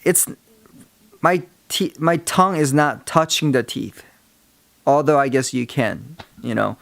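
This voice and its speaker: A man giving a casual how-to lesson, explaining things in a halting, rambling way. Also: mid-range voice, expressive, creaky, a bit bright, no echo. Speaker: tutorial presenter. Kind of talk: casual instructional talk.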